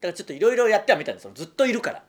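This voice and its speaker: A man in his thirties hosting a radio show, telling stories in lively casual chat. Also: high voice, rapid-fire. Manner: lively storytelling, mimics a Kansai voice in quotes.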